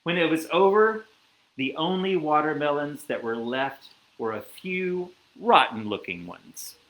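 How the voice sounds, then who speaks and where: Lively, unhurried man reading a storybook. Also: a little high, echoey room, rough recording. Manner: animated, lively storytelling with asides. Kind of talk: reading a picture book aloud.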